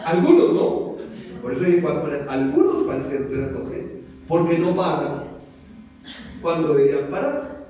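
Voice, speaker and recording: A Colombian man preaching with a fairly high voice, throwing question after question at his listeners. He slips into little acted-out voices as he goes. He sounds far from the mic, with the sound ringing through a big echoey hall. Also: moderate pace, long pauses. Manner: animated, many rhetorical questions, acts out voices. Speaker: pastor. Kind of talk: lively sermon to a congregation. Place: church hall.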